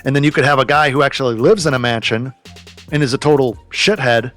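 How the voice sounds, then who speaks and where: A podcast guest in his thirties talks about business earnestly yet casually, swearing now and then. His medium-pitched voice is a bit bright and fast, with faint music in the background.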